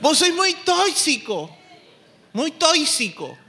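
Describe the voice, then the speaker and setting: A man's voice: sing-song, takes it slowly, pushed and bright, full character voice. A man voicing a defiant, whiny teenager who talks back indignantly to their parents. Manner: shrill, complaining, indignant.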